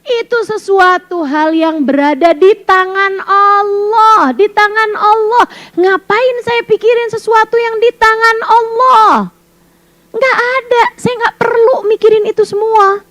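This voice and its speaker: A woman preacher giving a casual sermon to women, lively and teasing, full of rhetorical questions. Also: very high voice, measured pace, no room sound, rough recording. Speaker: Islamic preacher.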